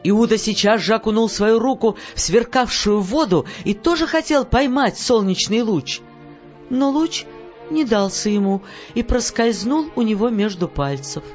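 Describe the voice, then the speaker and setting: A woman reading a story aloud as an audiobook narrator, measured, letting phrases fall at their ends. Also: a little high, lively intonation, a little mellow. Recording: dull audio with faint music.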